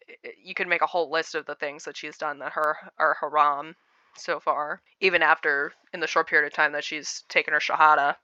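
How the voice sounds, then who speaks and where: A woman delivers casual reaction commentary in a bright, crisp voice. She rambles and digresses as she shares her opinions. The recording is dry and slightly dull, with a lo-fi quality. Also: low voice, no room sound.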